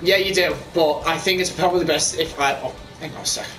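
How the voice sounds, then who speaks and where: A young man playing a co-op game with a friend, answering quickly in casual chat and now and then shouting a curse. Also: fairly high pitch, steady tone, soft background music, rough recording. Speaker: gamer.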